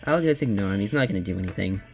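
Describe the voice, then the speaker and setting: A man reacting to a video with sarcastic, bickering, deadpan asides. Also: lowish voice, rapid-fire, vocal fry, faint music behind. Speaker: video reactor voicing a cast of characters.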